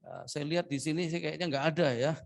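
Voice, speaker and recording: A man's voice: fairly high pitch, a little fast, creaky. A man preaching a conversational sermon in a church, chatty and joking, tagging his sentences with a casual "ya". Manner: chatty, joking, tags lines with "ya". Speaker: pastor.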